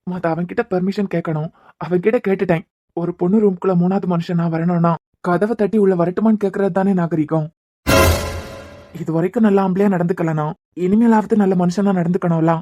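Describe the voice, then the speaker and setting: A woman's voice: fairly low pitch, steady tone, fairly quick, dark tone, no room sound, lo-fi sound, lightly acted. A woman with a Kanyakumari Tamil accent voicing an earnest, apologetic young man in a cartoon serial. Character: earnest young man pleading with his love.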